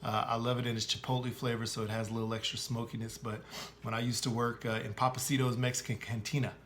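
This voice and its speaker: A man's voice: mid-range voice, flat delivery, fast talker, a bit bright. A middle-aged man hosting a casual cooking how-to, chatty and full of "uh" fillers and self-corrections. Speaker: host of a barbecue cooking channel.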